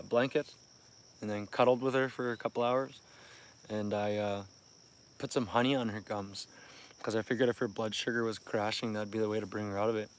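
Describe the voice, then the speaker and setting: Streaming from his phone beside a lake near a campsite at dawn, a Canadian fishing livestreamer in his thirties talks casually with viewers. He's worn out from little sleep, keeps his mid-range voice low and laughs a lot, with a little hiss or hum on the audio.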